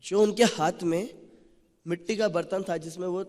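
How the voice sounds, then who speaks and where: A man with a high-pitched voice preaches in a temple hall, telling the story in an animated way. A long echo trails after each phrase he speaks. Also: moderate pace. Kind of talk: sermon. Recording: long reverb of a large hall.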